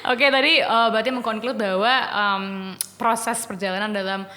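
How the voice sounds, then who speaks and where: A young woman hosting a casual podcast interview, giggly and filling pauses with listening hums. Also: fairly high pitch, noisy background. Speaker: podcast host. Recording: room with long reverb.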